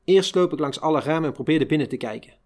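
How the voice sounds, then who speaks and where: Man reading a memoir aloud, fairly high. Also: quick pace, darkish tone. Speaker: reader of a memoir. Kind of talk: first-person memoir reading.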